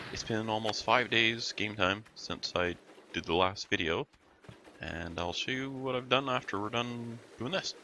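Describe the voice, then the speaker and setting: A man with a gravelly early-morning voice gives casual commentary over a game he is playing, rambling and muttering to himself as he goes. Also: lowish voice, background noise. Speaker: let's play host.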